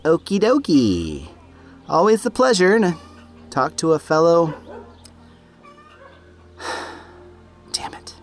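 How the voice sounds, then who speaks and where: Man as an easygoing dad mage, joking, hesitant, very lively pitch, soft music under, fan drama. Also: very slow, long pauses, exaggerated voice. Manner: laid-back, joking, hesitant.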